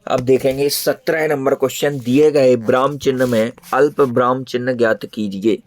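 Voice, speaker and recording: A man's voice: medium pitch, fairly even intonation, normal speed, no room sound. A man teaching an online exam prep lesson in speech, repeating each answer as he explains it.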